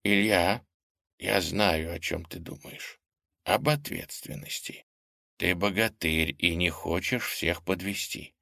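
Elderly kind grandmother put on by a man, soft, quiet, earnest, dry close sound. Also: low-pitched, animated, slow pace, no room sound, exaggerated voice.

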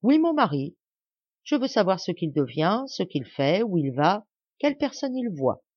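A woman's voice: fairly low pitch, big pitch swings, moderate pace, slightly rough, dry recording. A woman reading the lines of a cold, scheming young noblewoman who gives firm orders, in a slightly dull, dry recording. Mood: commanding.

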